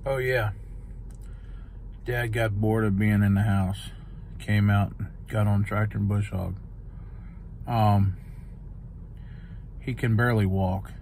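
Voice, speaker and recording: A man's voice: fairly low pitch, steady tone, slow, long pauses, darkish tone, slight background noise. A man, chatting casually in a farm vlog, rambling and laid-back with lots of ums. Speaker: farmer vlogger. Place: on a farm outdoors and in a truck cab. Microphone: phone camera at arm's length.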